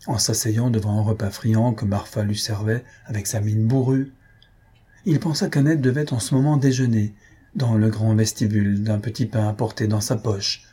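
Male narrator for a novel reading: deeply husky, warm-dark, steady and measured. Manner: measured, even storytelling. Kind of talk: audiobook narration.

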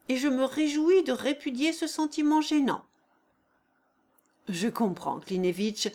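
A woman reading aloud and voicing a brash, mocking dead man who speaks loudly and taunts the others. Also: a little high. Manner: loud, taunting, boastful.

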